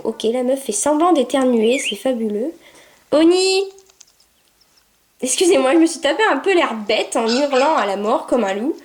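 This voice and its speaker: A woman casually talking through a virtual pet game, chatty and excitable, cooing at her puppy and shouting commands. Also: sits high. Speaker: gameplay video maker. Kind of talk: casual gameplay commentary.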